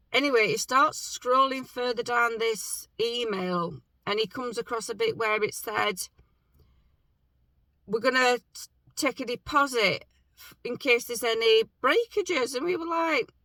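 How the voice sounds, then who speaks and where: A woman chatting casually to camera from inside her parked car, telling a story with lively quoted reactions, sounding low on energy with her morning voice. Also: no echo, rough recording. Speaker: vlogger.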